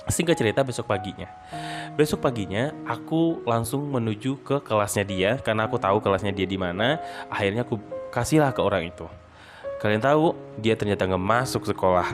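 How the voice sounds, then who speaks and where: A man casually telling a personal story in a chatty, dramatic, expressive way. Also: fairly low pitch, a little fast. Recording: guitar music under the voice.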